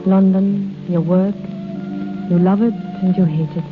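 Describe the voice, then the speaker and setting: Actress as alluring countess, tinny old radio. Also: female voice, medium pitch, steady tone, a little slow, lightly acted. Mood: teasing, tender. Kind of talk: 1930s radio acting. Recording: tinny 1930s radio recording, music behind.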